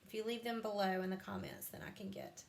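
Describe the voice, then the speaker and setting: A woman's voice: mid-range voice, fairly even intonation, quick pace, vocal fry. A sleepy woman demonstrating a home craft live, chatting along with plenty of ums and asides. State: sleepy, yawning. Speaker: craft vlogger. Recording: echoey room, faint background noise.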